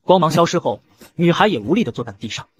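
A man narrating a comic story in a brisk, lively storytelling manner. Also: fairly high pitch. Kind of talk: fast scripted comic narration.

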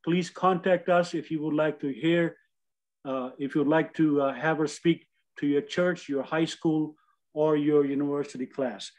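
A man's voice: a little high, steady tone, a little slow, darkish tone, rough recording. An older man hosting a webinar on a video call, reading a formal introduction with hesitant fillers. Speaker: webinar host. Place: home room.

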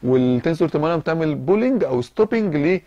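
A man's voice: on the high side, lively intonation, very fast, dark tone, dry recording, muffled recording. A man with an Egyptian accent giving an informal medical lecture, asking and answering his own questions and mixing in English terms. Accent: Egyptian Arabic. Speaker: physiology lecturer.

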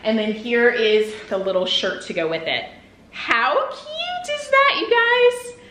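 Young female vlogger, bright upbeat chatter, casual haul talk, roomy kitchen sound. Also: on the high side, very animated, slow pace. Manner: upbeat, chatty, addresses viewers as "you guys". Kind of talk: casual haul video chat. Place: home kitchen, indoors. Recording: echoey room.

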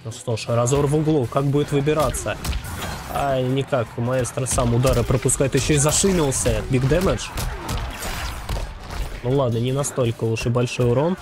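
A man works as a fighting game announcer, with music clearly playing behind him. His voice sits at an ordinary middle pitch. He calls the match live in short, clipped phrases packed with gaming jargon. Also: moderate pace. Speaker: esports tournament commentator.

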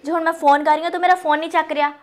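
A woman's voice: sits high, steady tone, rapid-fire, natural voice. A young woman playing a pregnant girlfriend in a short film, firm and pleading. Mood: annoyed. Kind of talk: scripted film dialogue.

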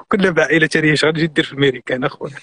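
A man's voice: a little high, a bit bright, husky, dry recording. A middle-aged man from Morocco with a Moroccan accent, a guest on a live stream, giving earnest, insistent advice and mixing in French and English words.

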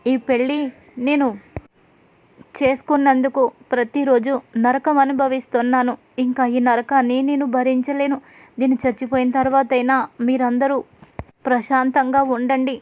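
Tearful young wife in despair, read by a woman narrator; high, flat delivery. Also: normal speed, natural voice.

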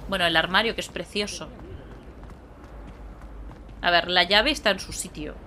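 A woman's voice: lowish voice, normal speed, bright, forceful tone, a little hiss or hum. A young woman giving casual, playful gameplay commentary, chatting to herself as she plays. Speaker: gameplay streamer. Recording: game music behind.

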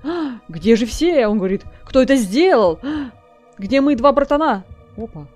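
High-voiced chatty woman playing games. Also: lively intonation, moderate pace, a little mellow, soft background music. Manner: chatty, joking, talks to viewers and game characters. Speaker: let's play host. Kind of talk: casual gameplay commentary.

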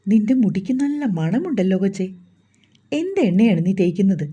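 A woman's voice: medium pitch, big pitch swings, brisk, mellow, slightly rough, muffled recording. A woman reading the lines of a playful young man who teases his bride-to-be. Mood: teasing.

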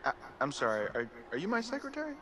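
A man's voice: on the high side, wildly swooping pitch, fast, over music, low-quality recording. An actor voicing a cocky, playful young male college student in a video game. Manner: joking, playful. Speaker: game character.

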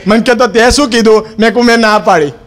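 High-voiced cheeky male comedian. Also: fast talker, a bit bright. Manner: cheeky storytelling, acting out the other people's lines. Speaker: stand-up comedian. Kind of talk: comic monologue in character as a schoolboy.

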